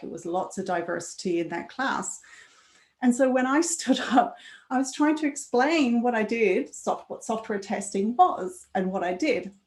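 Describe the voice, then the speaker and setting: A woman's voice: medium pitch, roomy sound. A woman giving a conference talk in a conversational way, often adding tag questions. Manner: conversational, adds tag questions, laughs now and then. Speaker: conference speaker. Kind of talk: presentation talk.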